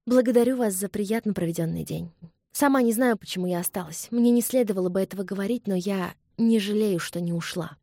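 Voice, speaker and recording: A woman reading the part of a proud young English lady who exclaims in a high-strung voice. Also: fairly quick, warm tone, dry recording, studio quality, natural voice. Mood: flustered.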